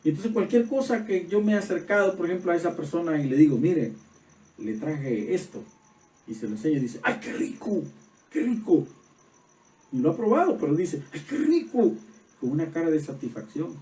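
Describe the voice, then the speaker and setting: A man preaching a sermon as pastor, swinging from soft reflective passages to loud emphatic peaks. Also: fairly high pitch, animated, a little fast. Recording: roomy echo, voice from far off.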